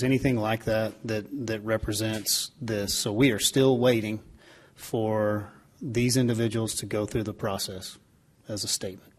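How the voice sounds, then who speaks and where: A man at a council dais speaks in a formal, procedural tone, moving the meeting along. His voice sits at an ordinary pitch. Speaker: council presiding officer. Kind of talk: chairing a public meeting. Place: city council chamber.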